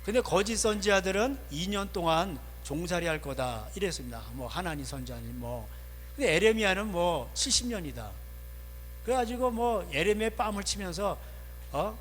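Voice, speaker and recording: Male pastor, sermon delivery with frequent asides and rhetorical questions, somewhat high pitch, reverberant hall with a light mains hum. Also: animated, moderate pace, a bit bright. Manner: conversational preaching, frequent affirming "yes" asides and rhetorical questions. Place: church sanctuary.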